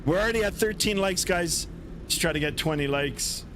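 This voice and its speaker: A man's voice: high-pitched, normal speed, noisy background. A man streaming a flight simulator, chatting casually with viewers between radio calls. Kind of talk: casual livestream chat.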